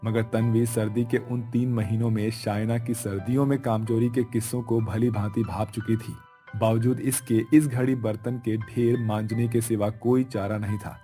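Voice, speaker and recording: A man narrates a cartoon story with a low, mellow voice. His delivery is measured and even, that of a scripted storyteller. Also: soft background music.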